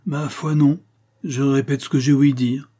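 A man's voice: medium pitch, level tone, measured pace, warm tone, breathy edge, pitched above the performer's own voice. A man voicing a timid peasant who stammers when questioned. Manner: hesitant, stammering.

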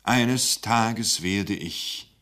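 A man reading aloud and voicing a vain, self-pitying older male essayist who speaks slowly with theatrical pauses. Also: deep voice, a bit bright. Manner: slow, mournful, theatrical pauses.

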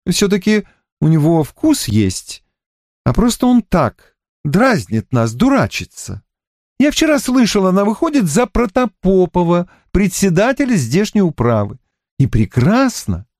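A man reading the part of a moody, sharp-tongued young woman in an audiobook, lifting his voice higher. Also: wildly swooping pitch, unhurried, no room sound, studio quality, exaggerated voice. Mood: scornful gossip. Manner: lifts voice higher, gossipy and scornful.

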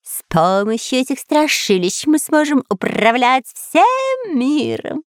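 A woman's voice: high voice, wildly swooping pitch, slow pace, no echo, studio quality, voice pushed up, heavily acted. A woman voicing a cowardly, fawning male pet parrot in a storybook reading, squawky and stammering. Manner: squawky, eager to please, stammering. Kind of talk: storybook narration.

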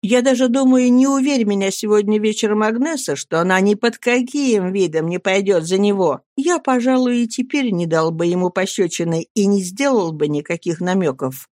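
A man narrating a first-person novel as an audiobook, in a lively, emphatic storytelling manner. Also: sits high, normal speed, few pauses, no echo, studio quality.

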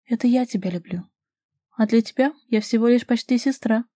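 Audiobook: woman reader voicing a defiant, sharp-tongued young woman, raised and loud. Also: a little fast, dry recording, clean studio sound, natural voice. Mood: mocking. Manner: loud, high and scolding.

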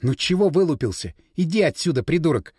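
A man's voice: a little high, animated, fairly quick, mellow, breathy edge, no room sound, clean studio sound. Man doing a scornful haughty young woman. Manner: scornful, insulting. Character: haughty, contemptuous young woman around thirty.

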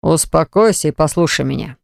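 A woman narrator voicing a stern, domineering young man who speaks in slow, low, clipped commands. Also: lively intonation, gravelly, no echo, clean studio sound, exaggerated voice. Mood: menacing.

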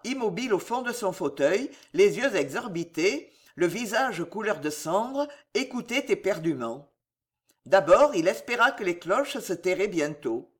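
A man reading a historical novel aloud as an audiobook, in a dramatic, theatrical narration. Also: high voice. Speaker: audiobook reader.

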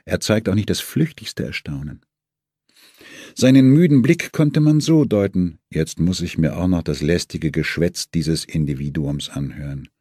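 A man's voice: sits low, lively intonation, unhurried, warm tone, slightly rough, no room sound, clean studio sound. A man reading a German novel aloud as an audiobook, telling the story expressively. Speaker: audiobook reader. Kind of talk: scripted narration.

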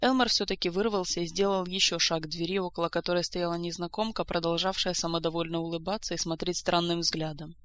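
Bright, crisp audiobook narrator. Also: mid-range voice, steady tone, quick pace, few pauses. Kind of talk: scripted narration.

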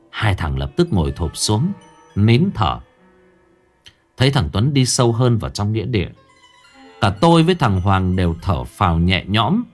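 A man narrating a ghost story in a lively, suspenseful storytelling manner. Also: lowish voice. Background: faint background music.

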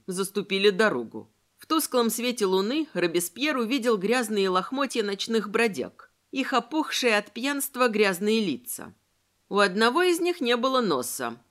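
Expressive woman reading an audiobook. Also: a little high. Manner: expressive, measured storytelling. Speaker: audiobook narrator. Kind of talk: scripted narration.

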